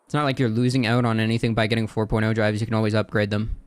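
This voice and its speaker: A man's voice: lowish voice, level tone, very fast, no room sound. A man talking casually as a livestream host, in a slangy, profane frat-bro manner.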